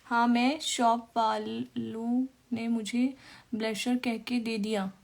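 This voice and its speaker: A woman's voice: fairly high pitch, little pitch movement, takes it slowly, creaky. A woman makeup artist chatting through a live makeup class, answering viewers by name as she works. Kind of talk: casual live-stream makeup tutorial.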